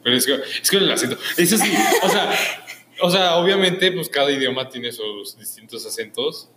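A man's voice: on the high side, normal speed, reverberant, background noise. A man interviewing in a chatty, encouraging way. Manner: chatty and encouraging, says "qué padre" a lot. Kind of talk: casual interview.

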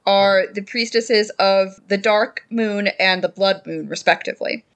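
A woman's voice: mid-range voice, a little slow, fairly bright tone. Chatty woman game master. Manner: casual, chatty, laughs often. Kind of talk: narrating a tabletop game.

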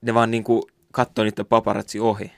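A man's voice: lowish voice, little pitch movement, creaky, no room sound, studio quality. A young man co-hosting a podcast in casual chat, rambling and swearing offhandedly. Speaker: podcast co-host.

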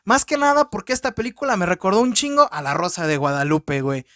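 A man's voice: high-pitched, lively intonation, quick pace, bright, forceful tone, dry recording. Man, Mexican Spanish accent, podcast host, casual film review, crude profane jokes, dry close sound. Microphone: podcast microphone.

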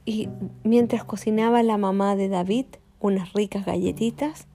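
A woman telling a children's story in an animated way, jumping into character voices. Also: mid-range voice, normal speed, soft background music.

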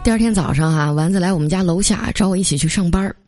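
A woman's voice: lowish voice, very fast, faint music behind. Chatty woman host telling funny stories. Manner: chatty storytelling with lively quoted voices. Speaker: podcast host. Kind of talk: reading funny anecdotes.

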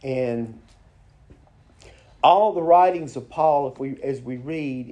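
A man preaching an informal sermon, telling folksy stories with halting restarts. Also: medium pitch, dark tone. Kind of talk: informal sermon with prayer and anecdote.

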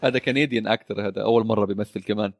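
Casting note: male co-host, brisk and easygoing, sprinkling in English. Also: fairly low pitch, no echo, studio quality. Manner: relaxed, laughs easily, mixes in English phrases. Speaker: podcast co-host. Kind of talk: casual film chat.

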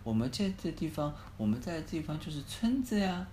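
A man voicing a kind old village grandfather in a bedtime story, explaining slowly and patiently. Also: fairly high pitch, big pitch swings, dark tone, pitched above the performer's own voice. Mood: kindly. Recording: echoey phone recording, faint hiss.

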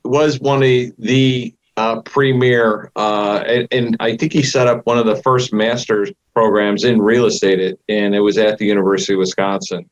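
Mature man, low voice, muffled audio. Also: steady tone, moderate pace, hardly any pauses. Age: middle-aged or older. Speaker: podcast co-host. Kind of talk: casual interview chat.

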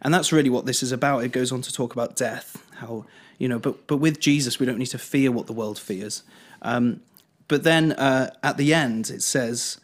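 A man's voice: mid-range voice, normal speed, hardly any pauses. Man musing casually on scripture. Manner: thoughtful, trailing off and restarting. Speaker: church leader discussing scripture. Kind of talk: casual Bible discussion.

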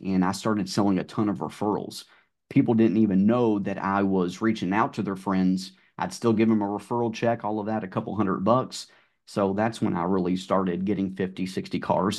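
A middle-aged man with a Southern drawl speaks in a fairly low voice. He talks in a relaxed, storytelling way, with plenty of ums and you-knows. It sounds like a casual podcast conversation. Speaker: guest, car sales manager.

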